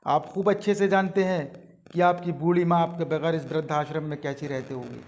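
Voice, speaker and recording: A man's voice: fairly high pitch, steady tone, brisk, a little mellow, natural voice. A man reading as an earnest old-age-home watchman. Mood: pleading. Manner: earnest, repeating his plea. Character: humble male watchman pleading with a judge.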